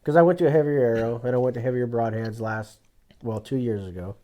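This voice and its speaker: Animated male storyteller on a podcast. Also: medium pitch, fast talker, highs cut off. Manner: animated storyteller, acts out quoted lines. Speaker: guest telling hunting stories. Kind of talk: casual podcast chat.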